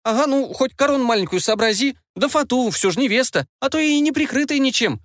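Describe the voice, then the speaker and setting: A man reading an audiobook and voicing an enchanted frog who is really a sharp-tongued young woman, speaking high and bossy. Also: big pitch swings, a little fast, no echo, clean studio sound, full character voice. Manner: bossy, exasperated, high-pitched. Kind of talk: audiobook character voice.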